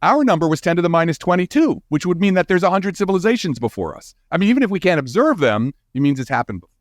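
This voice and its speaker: A slightly high male voice, captured dry at studio quality. The speaker, an astrophysicist and author, is an expert guest in an interview who explains informally and emphatically, often adding "right?"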